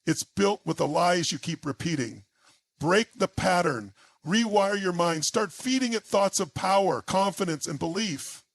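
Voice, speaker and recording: High, gravelly-voiced man giving intense motivation. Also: animated, measured pace, dry recording. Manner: intense, emphatic, punchy short phrases. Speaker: motivational speaker. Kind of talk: dramatic motivational speech.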